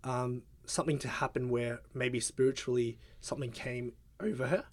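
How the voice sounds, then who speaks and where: An Australian young man, a guest in a casual interview, speaks hesitantly and softly with plenty of fillers. His voice is mid-range and his pace moderate.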